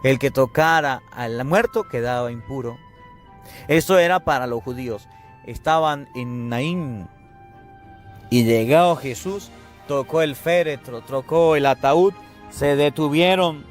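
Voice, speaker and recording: Slow impassioned preaching priest. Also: male voice, medium pitch, faint music behind. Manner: impassioned, repetitive preaching with rising emotional appeals. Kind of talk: sermon.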